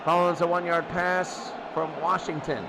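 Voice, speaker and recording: A man calls a football game in a high-pitched, creaky voice, keeping a level tone and an unhurried pace against a noisy background. Though the play-by-play is excitable, it arrives in short, clipped calls with frequent repetition.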